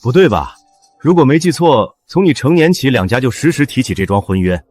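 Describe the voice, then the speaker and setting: A man's voice: mid-range voice, lively intonation, a little fast, darkish tone, faint music behind, natural voice. An actor playing a family man who questions in a mocking, probing way. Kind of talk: short drama acting.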